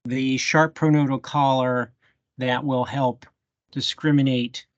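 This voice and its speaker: A man's voice: medium pitch, fairly even intonation, slow, dry recording, muffled recording. A man leading a live bee identification workshop over a video call, thinking aloud with fillers as he works a microscope. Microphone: computer mic on a video call.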